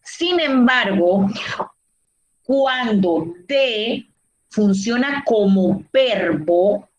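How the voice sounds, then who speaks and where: A woman teacher giving a virtual grammar lesson, explaining slowly and deliberately, with many fillers and self-corrections. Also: medium pitch. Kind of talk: online Spanish grammar lesson. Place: home room, recorded for a virtual class. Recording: dull, roomy online class audio.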